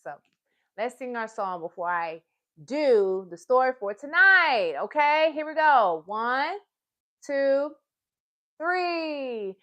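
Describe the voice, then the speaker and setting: At a slow pace and high pitch, a woman leads a live story session for kids. She encourages them with lots of enthusiasm, repeating phrases often and greeting her audience as friends.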